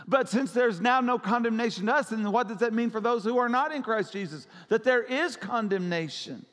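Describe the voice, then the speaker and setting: A man's voice: very high-pitched, animated, normal speed, fairly bright tone. A man preaching a sermon as pastor, urgent and repetitive, pressing his listeners. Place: church sanctuary. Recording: long church hall reverb.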